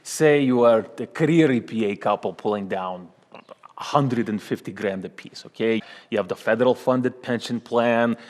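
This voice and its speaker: In a comedy sketch, a man plays a smug Russian union boss acting as the union's spokesman, speaking broken English with halting repetitions. His voice is mid-range with a darkish tone and sounds natural. The recording carries a long hall reverb.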